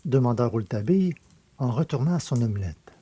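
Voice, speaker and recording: Dark, husky male narrator. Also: medium pitch, animated, no echo. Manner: measured storytelling delivery. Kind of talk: scripted audiobook narration.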